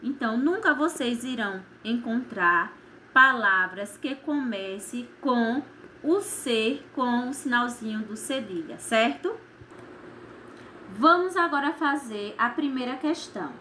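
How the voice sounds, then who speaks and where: A woman with a Brazilian Portuguese accent teaching a primary school class, explaining each exercise slowly and patiently and checking in with "certo?" after her points. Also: a little high, expressive, sharp tone, a little hiss or hum. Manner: slow, patient, tags lines with "certo?". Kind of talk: recorded remote class lesson.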